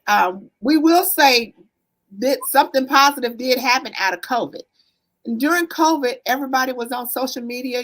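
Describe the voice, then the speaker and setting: A woman's voice: fairly high pitch, rough recording. Earnest Southern woman therapist talking. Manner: earnest, warm storytelling with frequent "um" and "right?". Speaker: therapist, business owner guest. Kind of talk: conversational interview answers.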